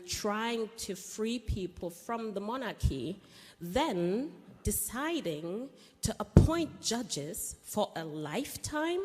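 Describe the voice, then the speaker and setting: Slow, hesitant woman panelist in a hall. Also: mid-range voice, a little mellow. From Cameroon. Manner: hesitant, many ums, slow and emphatic. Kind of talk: panel discussion. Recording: reverberant hall recording.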